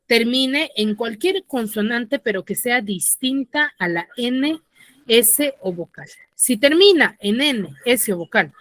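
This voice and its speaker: Woman teacher, higher voice, very dry close sound, step-by-step explaining, video call class. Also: a bit bright, dry recording. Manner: explains step by step, checks in with frequent "¿ya?". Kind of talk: online class lecture. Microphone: computer mic on a video call.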